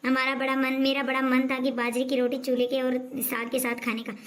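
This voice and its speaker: A woman with a high voice plays a doting mother-in-law in a homemade family skit. She praises and coaxes in a motherly way. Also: completely flat delivery, brisk, fairly bright tone, slight background noise. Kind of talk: scripted family skit acting.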